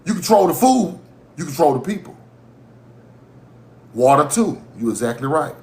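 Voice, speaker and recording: His high voice rising as he goes, a livestream host from Mississippi rants and curses at a moderate pace, laughing at his own points. The heated, animated monologue bounces around an echoey room.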